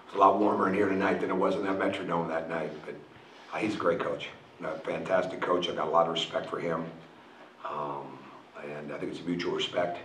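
Fielding reporters' questions after the game, this middle-aged basketball coach is frank and brisk, frequently restarting and repeating himself. His low voice keeps fairly even intonation. Picked up from a distance by a stand-mounted table mic in a roomy press room with a logo backdrop, there's slight background noise.

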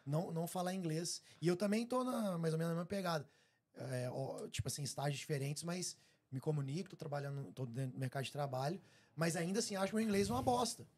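A male podcast host chatting casually, slangy and relaxed. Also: a little high, quick pace, slightly rough. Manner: slangy, relaxed, reacts with short remarks. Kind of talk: casual chat.

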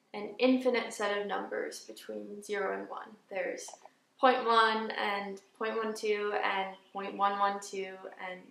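A young woman acting a dramatic monologue as a grieving, tender young woman eulogizing her beloved, with halting, emotional delivery. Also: medium pitch, vocal fry, a bit bright. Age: young adult. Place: indoor studio with dark backdrop. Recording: roomy echo, slightly distant mic.

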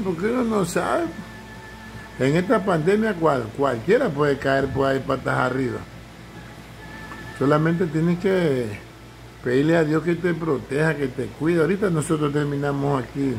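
A man's voice: on the high side, normal speed, gravelly, soft background music, low-quality recording. A man speaking to the camera at home, giving joking, preachy advice and acting out the voices of the people he quotes. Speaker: vlogger. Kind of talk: casual advice monologue to camera.

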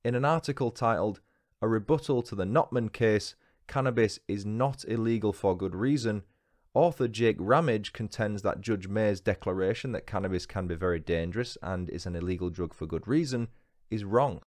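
A man from England with a Northern English accent hosts a true crime podcast, reading his script with dry, wry asides. His lowish, darkish voice moves at a moderate pace.

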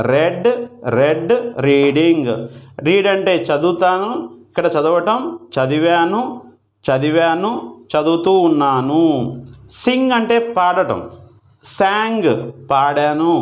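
High-voiced man drilling English verbs. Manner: slow repetitive drilling of verb forms; patient, explains each word with examples. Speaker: spoken English teacher. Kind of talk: Telugu-language English lesson.

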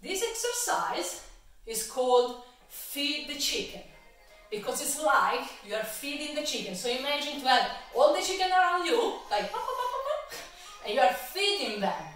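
A woman's voice: sits high, very animated, moderate pace, fairly bright tone. A woman instructor leading a guided exercise class, encouraging and counting repetitions aloud. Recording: echoey room, from far off, faint music.

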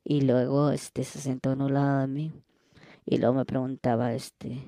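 A man's voice: mid-range voice, level tone, normal speed, dark tone, no echo, clean studio sound, lightly acted. A man playing a flirty, gossipy woman fan, gushing and coy in a comedy sketch.

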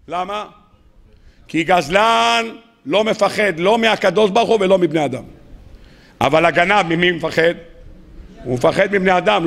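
A man, a rabbi, giving a sermon, asking rhetorical questions and swinging between loud rises and quiet drops. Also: sits high.

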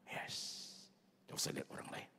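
A man preaching a sermon as a pastor, mixing in English phrases and swinging between loud bursts and soft near-whispers. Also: normal speed. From Indonesia. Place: large church hall. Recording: long reverb of a large church hall.

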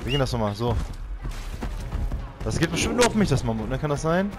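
Aufgebrachter junger Mann kommentiert ein Spiel. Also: male voice, very animated, brisk, over music. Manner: frustrated, exclaiming, shouts high-pitched for help in panic. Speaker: let's play gamer. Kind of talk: let's play commentary.

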